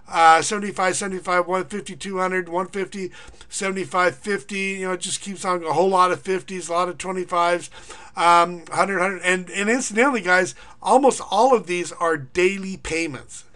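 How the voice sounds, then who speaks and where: A middle-aged man, a schoolteacher, pitching an online income system in a casual, rambling way with many fillers, reading off payment amounts in a quick list. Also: bright, forceful tone. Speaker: online income marketer and teacher. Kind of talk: casual screen-recorded pitch.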